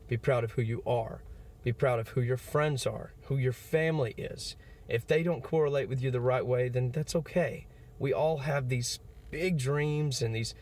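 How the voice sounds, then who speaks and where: A man's voice: mid-range voice, a little mellow. A man in his twenties giving an earnest, encouraging motivational talk to camera, with fillers like "you know". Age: 20s. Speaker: motivational vlogger.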